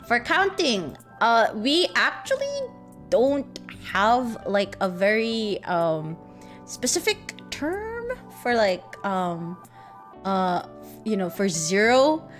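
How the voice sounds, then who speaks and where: A woman's voice: on the high side, sing-song, slow, soft background music. A young woman with a Filipino accent, casually teaching a language lesson on a livestream, giggling and rambling with lots of fillers. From Philippines.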